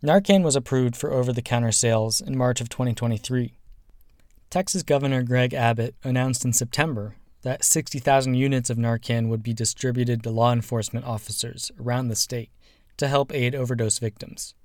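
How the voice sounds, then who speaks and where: A man delivering scripted documentary narration in an even, composed way. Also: mid-range voice, fairly quick, no room sound, studio quality.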